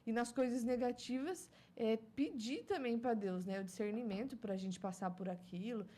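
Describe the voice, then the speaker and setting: A woman's voice: on the high side, moderate pace, mellow. A woman in her thirties from Brazil chatting casually about motherhood, laughing often and musing on faith. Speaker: guest mother. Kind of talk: casual chat.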